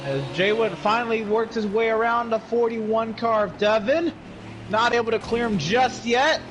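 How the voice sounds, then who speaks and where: Male motorsport play-by-play caller, high-pitched voice, car engines running behind him. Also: moderate pace, background noise. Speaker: race commentator. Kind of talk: live sim racing play-by-play commentary. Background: race car engines.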